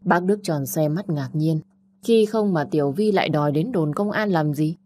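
A woman narrating a dramatic story in a measured, emotive way. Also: low voice, mellow, a little hiss or hum.

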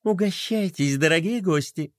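A man putting on a soft, cooing princess for a storybook. She sounds sugary and gracious, close and dry. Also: high voice, normal speed, no room sound, natural voice. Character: sweet cooing princess hostess. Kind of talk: children's story character voice.

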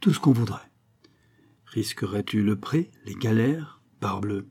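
A man's voice: lowish voice, expressive, a little slow, warm tone, breathy edge, full character voice. A man voicing a frightened, servile older male ex-steward who speaks humbly and pleads in a spoken storybook. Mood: humble.

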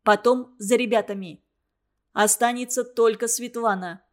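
A brisk, commanding young man who organizes everyone with short orders, as a woman reading a story puts him on. His voice sits fairly high for a man. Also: fairly even intonation, lightly acted. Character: commanding young male student leader.

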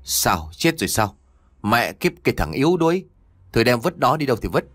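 A man's voice: medium pitch, very animated, a little fast, fairly bright tone, no echo. A man voicing a cruel, vindictive older landlord in an audio story, menacing and sneering. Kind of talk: audiobook character voice.

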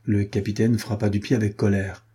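A man narrating a classic adventure novel in a measured, literary manner. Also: fairly low pitch, level tone, warm tone, breathy edge. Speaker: audiobook narrator. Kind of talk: scripted narration.

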